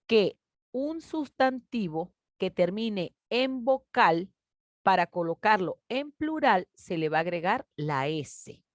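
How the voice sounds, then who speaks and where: A woman teacher, patiently explaining a grade-school grammar lesson and stretching out example words slowly. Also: medium pitch, no room sound, clean studio sound. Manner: patient, explanatory, addresses children warmly as "mis niños".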